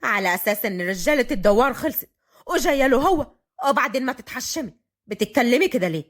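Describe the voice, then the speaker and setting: A woman doing a feisty high-voiced young woman. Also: big pitch swings, fairly bright tone, heavily acted. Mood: cheeky. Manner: quick, cheeky and defiant. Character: feisty, sharp-tongued young woman in her twenties.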